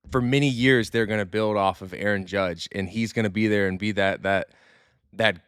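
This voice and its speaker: A man's voice: on the low side, fairly bright tone, clear, resonant tone, no room sound, clean studio sound. A man hosting a podcast, a former pro athlete talking in a loose, candid way, swearing now and then and repeating words as he restarts. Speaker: podcast host, former pro baseball player. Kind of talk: casual podcast chat.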